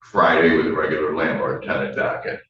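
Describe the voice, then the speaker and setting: A man's voice: a bass voice, flat delivery, a little fast, fairly bright tone. A man arguing informally as a lawyer before a judge, blunt and admonishing. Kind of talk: informal courtroom argument. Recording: very echoey, distant, dull, faintly noisy.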